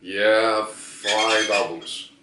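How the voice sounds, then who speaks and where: Greek-accented drummer, low voice, roomy sound. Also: male voice, fairly even intonation, extremely slow, background noise. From Greece. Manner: short friendly answers, simple phrasing. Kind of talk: backstage interview. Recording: roomy, distant mic.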